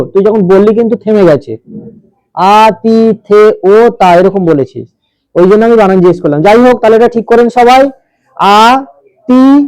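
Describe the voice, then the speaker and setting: A man's voice: sits high, darkish tone, no echo, low-quality recording. A male teacher leading a classroom grammar lesson, explaining step by step and putting questions to the class.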